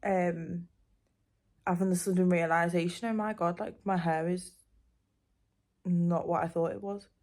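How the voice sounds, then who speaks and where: A young woman with a Liverpool accent talks straight to camera from her home, her voice sitting a little low. She rambles easily, stringing thoughts together with plenty of "um" and "like.". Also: fairly even intonation, a little slow, pauses often, darkish tone. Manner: chatty, rambling, lots of "um" and "like". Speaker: vlogger. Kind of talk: casual chat to camera.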